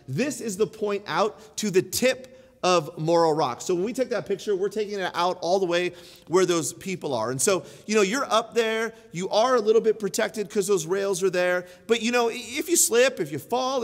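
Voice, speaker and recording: A man in his thirties gives a sermon in a large church auditorium, his voice sitting high for a man. He talks loosely and conversationally, padding his stories with fillers. A long reverb trails his words through the hall. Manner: conversational storytelling, many "like" fillers. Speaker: pastor.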